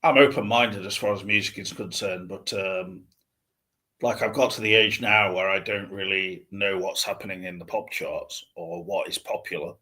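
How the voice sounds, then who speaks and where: A man's voice: low-pitched, fairly even intonation, moderate pace, sharp tone. A middle-aged man co-hosting a casual chat, speaking in a hesitant, rambling and thoughtful way.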